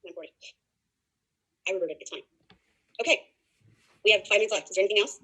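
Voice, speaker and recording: A woman in her thirties lectures future teachers in a loose, conversational way, looping back and restarting as she tells stories. Her voice is slightly husky and she talks very fast, piling one thought onto the next. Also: medium pitch, fairly bright tone, rough recording. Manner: fast, chatty storytelling with many restarts. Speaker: teacher educator. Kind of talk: casual classroom lecture.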